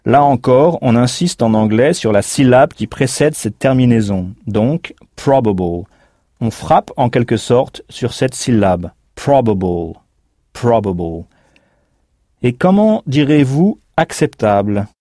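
A man's voice: medium pitch, lively intonation, a little slow, hardly any pauses, warm tone, no room sound, studio quality. A man teaching in a recorded language course, explaining patiently and spelling words out letter by letter. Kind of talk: recorded language lesson narration.

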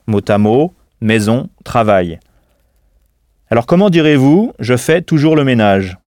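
A man giving a scripted audio lesson, speaking at a mid pitch with a calm, measured delivery. He pauses to spell words out letter by letter, and his voice sounds dry and close, with no room echo. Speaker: English teacher.

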